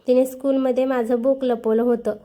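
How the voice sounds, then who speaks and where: A cheeky little boy talks back with a sulky, teasing edge, as a woman storyteller puts him on. The voice is high and mellow. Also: level tone, brisk, close to an everyday voice.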